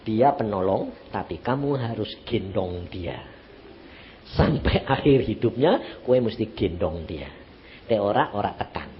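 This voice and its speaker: An older man with a Javanese accent voicing God as a calm, gentle male elder, dropping to a low hushed tone. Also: a little slow, muffled recording, a little hiss or hum.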